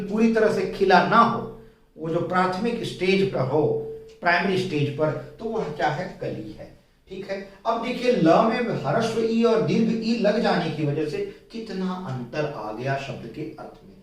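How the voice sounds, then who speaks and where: Echoey Hindi teacher explaining slowly. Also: male voice, high voice, lively intonation. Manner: slow, explanatory, repeats key points. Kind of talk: whiteboard grammar lesson. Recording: very echoey room, mic at a distance.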